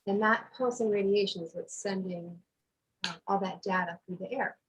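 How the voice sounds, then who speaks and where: A woman giving earnest, steady remarks as a guest speaker at a neighborhood online meeting, her voice muffled over the video call. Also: medium pitch, breathy edge. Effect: muffled sound over a video call.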